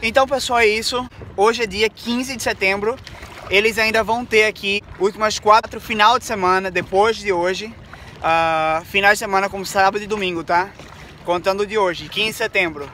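A Brazilian man in his twenties chats excitedly to viewers in a casual travel vlog, filming himself on a phone held at arm's length on a city waterfront pier. His voice sits high and moves at a normal speed, with a little hiss or hum in the recording.

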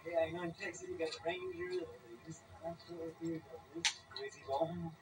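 Man filming with a camcorder, high voice. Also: steady tone, normal speed, over loud music, rough recording. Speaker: person filming a home video. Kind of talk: casual chat behind the camera. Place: outdoors by a stadium, then in the stands. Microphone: handheld camcorder mic.

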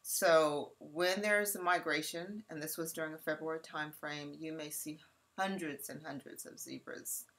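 A woman from California walks an audience through a safari slideshow. Her voice sits low, yet it comes across bright and forceful. She talks in a chatty, direct way. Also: fairly even intonation, normal speed. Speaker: safari presenter. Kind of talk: narrating a slideshow presentation.

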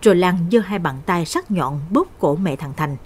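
A woman narrating a horror story in a dramatic, measured way. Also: on the low side, animated, a little mellow, slightly rough.

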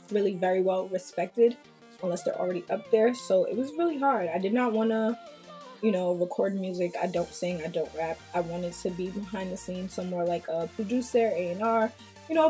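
Her voice runs low and dark as she addresses the camera, this woman in her 20s from Queens, New York. A vlogger, she chats bluntly and casually in a small indoor room with a plain pink backdrop, sometimes dropping in Jamaican patois.

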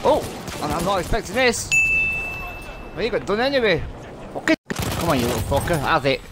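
A man giving excited, foul-mouthed commentary over his shooter gameplay, taunting enemies and laughing. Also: on the high side, fairly quick, very noisy. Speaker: gamer narrating his clips. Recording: gunfire and music behind the voice. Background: gunfire and music from the game.

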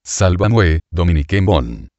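A man's voice: low-pitched, animated, a little slow, a little mellow, no echo, dull audio. Man voicing a terrified Haitian cane worker. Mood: desperate pleading. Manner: broken Spanish, crying out to God.

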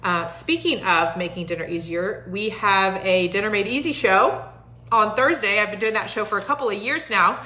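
A woman in her thirties talks into a phone at arm's length in her living room, hosting a live stream. Her voice is bright and forward, and her manner is chatty and encouraging, with lots of fillers. The room adds a noticeable echo. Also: mid-range voice, normal speed. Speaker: host. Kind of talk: casual live-stream talk. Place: home living room, indoors.

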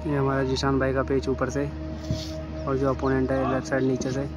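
Filming on his phone from a city rooftop, a young man gives steady, flat running commentary on a kite fight. His mid-range voice moves at normal speed over loud music and street noise in this outdoor recording.

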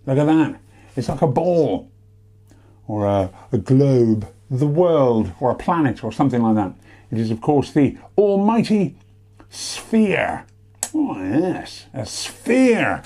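Cheerful British male presenter for a children's lesson, husky and mellow, with big theatrical swings. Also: mid-range voice. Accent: British English. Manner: animated, theatrical, sing-song emphasis. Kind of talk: playful lesson for young children.

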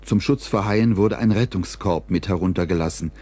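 A man reading scripted documentary narration in a measured, even storytelling delivery. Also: deep voice, breathy edge.

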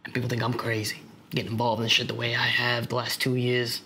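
A man's voice: mid-range voice, completely flat delivery, quick pace, sharp tone, a little hiss or hum. A young actor playing a grieving, streetwise young man in a dramatic monologue, talking in profane street slang. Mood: agitated. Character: young street-smart man, grieving lost friend, bitter.

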